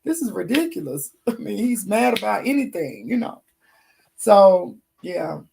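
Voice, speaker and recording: Woman, livestream host, hoarse, gravelly fry, casual chat. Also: medium pitch, sing-song, a little slow, mellow, a little hiss or hum. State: hoarse, losing her voice.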